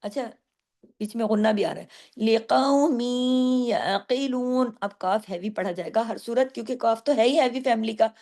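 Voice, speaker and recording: A middle-aged woman teaching tajweed. She explains each rule patiently and recites the verses slowly, drawing the sounds out. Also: fairly high pitch, fairly even intonation, dark tone. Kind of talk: tajweed lesson.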